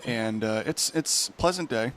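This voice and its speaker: A man's voice: mid-range voice, lively intonation, normal speed, fairly bright tone, a little hiss or hum. A man narrating a tabletop game as game master, rambling and correcting himself often.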